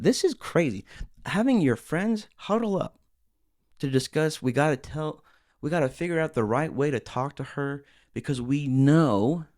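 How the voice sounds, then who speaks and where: A young adult man hosting a solo commentary podcast, animated and sarcastic, slipping into mocking impressions. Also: mid-range voice. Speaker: host.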